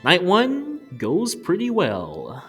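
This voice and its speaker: With music behind him, the young reviewer now speaks slowly in a high-pitched, fairly bright voice whose pitch swoops wildly. His scripted movie commentary stays casual, jokey and casually profane.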